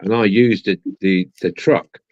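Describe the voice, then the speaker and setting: A man with a low voice, chatting casually and wandering through his sentences with repeats. The sound is dry and rather dull, like a lo-fi connection. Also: fairly even intonation, a little slow, a little mellow, no room sound. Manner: rambling, repeats himself. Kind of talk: casual chat.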